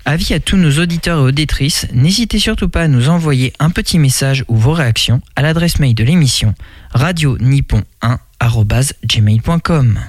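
A man's voice: medium pitch, expressive, normal speed, dry recording. Man reading radio announcements. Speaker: radio host.

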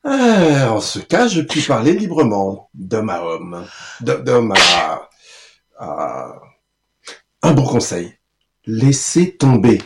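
A man plays a pompous, evasive lawyer in a comic radio play. His delivery is slow and theatrical, with very animated pitch. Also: vocal fry, slight background noise, heavily acted. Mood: confiding.

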